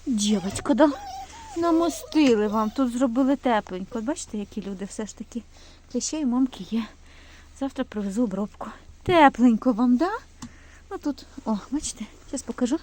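A woman rescuing a stray dog and puppies, narrating quickly and nervously while filming on her phone outdoors by a forest, slipping into high baby talk with the dogs. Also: lively intonation, darkish tone. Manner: talks fast when nervous. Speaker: animal rescue volunteer. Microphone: phone camera held while filming.

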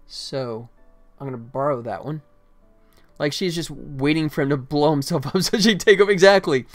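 A man's somewhat high voice, at a moderate pace, narrates his game development work in a casual live stream. He is in his forties, seated at a computer in a small indoor room, with keyboard typing and faint music in the background.

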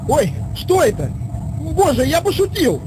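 Squeaky, goofy cartoon dog. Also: male voice, wildly swooping pitch, unhurried, exaggerated voice. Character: naive, cheerful, goofy cartoon space dog. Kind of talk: cartoon voice acting.

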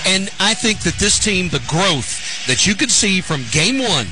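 A man's voice: sits high, sing-song, a little slow, music in the background, low-quality recording. A man working as a radio announcer, interviewing a coach after a game with polished, stat-led questions.

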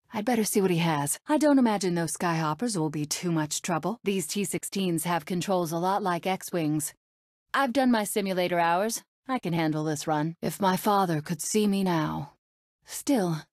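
A woman voicing a brave, sardonic young rebel princess in a video game, with a crisp, resolute and dryly sarcastic manner. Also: fairly low pitch, a little mellow, no echo, clean studio sound, close to an everyday voice.

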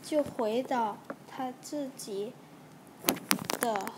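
Woman teacher reading a story for learners. Very slow and deliberate, with audible background noise. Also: on the high side. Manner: slow, halting, carefully paced reading.

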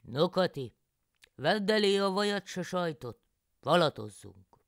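A woman voicing a grumbling peasant husband in a folk tale, with loud, scolding exclamations. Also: on the low side, lively intonation, dry recording, studio quality, voice pushed up. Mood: exasperated.

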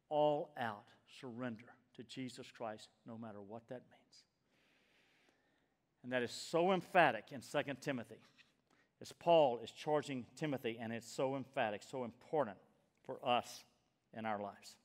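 An older man in his sixties preaching in a church, his voice pushing loud and urgent then dropping almost to a whisper. The sound hangs in a long reverb from the hall, and his pitch sits in an ordinary middle range. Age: 60s. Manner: emphatic, swings from loud urging to hushed near-whisper. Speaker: pastor. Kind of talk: sermon. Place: church sanctuary.

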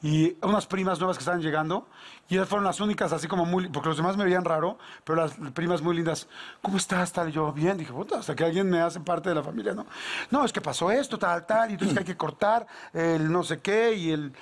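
Fast-talking Mexican man, high voice. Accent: Mexican Spanish. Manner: animated storyteller, acts out dialogue, slangy. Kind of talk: casual anecdote telling.

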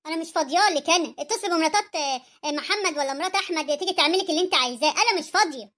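A woman's voice: extremely high pitch, rapid-fire, fairly bright tone. A woman voicing a rude, impatient young daughter-in-law in an Egyptian cartoon story, snappy and dismissive, with an Egyptian accent.

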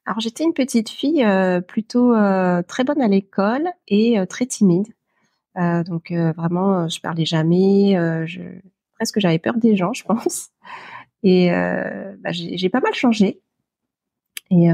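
Woman, 40s, lowish voice, hesitant with many fillers, dry close mic. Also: vocal fry, a little mellow, no echo. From Paris, France. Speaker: interview guest. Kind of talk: podcast interview.

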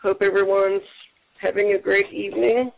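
A man hosts a casual internet radio interview with a gravelly, rough-edged voice. He sounds upbeat and heaps praise on his guest. The audio is muffled and low-fidelity. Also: flat delivery, normal speed. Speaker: radio show host.

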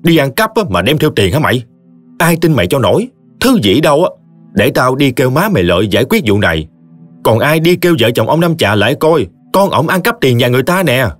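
A man voicing a sharp-tongued village woman who scolds in a Southern Vietnamese accent. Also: mid-range voice, very animated, faint music behind, pitched above the performer's own voice. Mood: scolding. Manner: scolding, brisk.

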